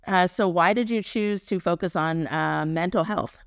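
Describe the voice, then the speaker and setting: A woman's voice: lowish voice, moderate pace, smooth, no room sound. Woman hosting, dry close sound. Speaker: interview host. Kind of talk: interview hosting, introductions and questions.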